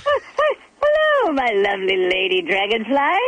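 A woman's voice: a little high, wildly swooping pitch, moderate pace, a bit bright, dull audio, a little hiss or hum. A woman voicing a boastful, oblivious male dragonfly in a comic radio bit, stammering and repeating words in flustered bursts. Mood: wooing.

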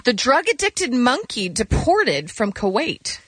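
A woman's voice: fairly high pitch, huge pitch swings, a little slow. A woman co-hosting a radio show with casual comic banter. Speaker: radio co-host.

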